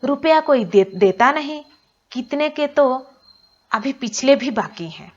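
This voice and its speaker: A woman's voice: sits high, expressive, takes it slowly, highs cut off, pitched above the performer's own voice, full character voice. A woman voicing a worried father in debt, speaking in a strained, heavy-hearted way during a story reading. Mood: despairing.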